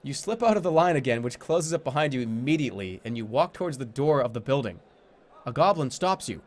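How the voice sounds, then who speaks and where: A man's voice: medium pitch, very animated, fairly quick. A man streaming a game, reading the story text aloud as narration and dropping informal, offhand commentary. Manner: informal, switches between dramatic reading and offhand asides.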